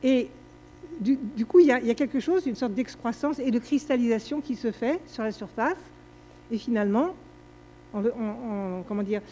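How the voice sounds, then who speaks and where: An older woman lecturer answering a question in a conference, talking in a digressive, lively way with many fillers and restarts. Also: a little high, slight background noise, rough recording.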